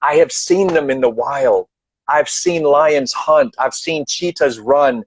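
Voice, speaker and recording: A man's voice: mid-range voice, slow pace, breathy edge, no echo, poor audio. A man speaking as a guest in a live online chat, giving advice earnestly and repeating his key points for emphasis.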